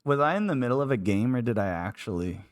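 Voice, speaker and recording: A man's voice: mid-range voice, lively intonation, fast. Unwell male streamer rambling along. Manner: rambling, full of "like" fillers. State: unwell and queasy. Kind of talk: casual live-stream chat.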